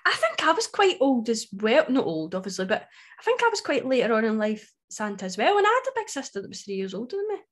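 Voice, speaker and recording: A woman's voice: a little high, very animated, fast talker. Female co-host, broad Scottish accent, informal and candid, casual conversational storytelling. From Scotland. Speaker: book club podcast co-host. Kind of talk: casual chat, personal storytelling.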